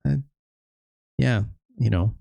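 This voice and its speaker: A man's voice: fairly low pitch, slow pace, vocal fry, mellow, dry recording, lo-fi sound. A man casually commenting while playing a video game, with wry, sarcastic asides. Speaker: let's play host.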